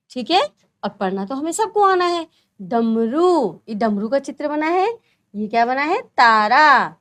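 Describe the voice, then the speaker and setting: A woman's voice: high voice, a bit bright. A woman teacher explaining a children's textbook lesson, patiently asking questions and answering them herself. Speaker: primary school teacher.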